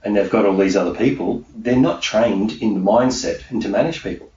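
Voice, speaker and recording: The speaker, a middle-aged man working as a self-employed mindset coach, has a fairly low, dark voice and a brisk delivery. His interview answers are emphatic and conversational, repetitive, and peppered with "okay" to punctuate points. Faint background noise sits under a roomy, distant, muffled recording.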